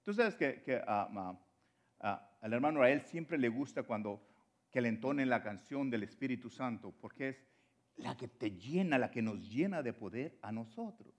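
A man preaching a sermon, moving between loud exhortation and quiet, low drops. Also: lively intonation, moderate pace.

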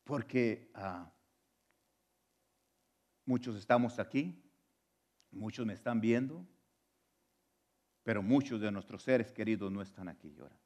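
A man preaching a sermon as pastor at a church service, moving between loud fervent appeals and hushed, quiet passages. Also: lowish voice, measured pace, pauses often.

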